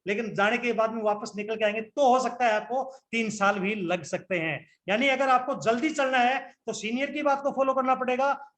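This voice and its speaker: A man's voice: high voice, fairly bright tone. A man giving a motivational business training talk, earnest and instructive, speaking straight to his audience and asking rhetorical questions. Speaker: network marketing trainer.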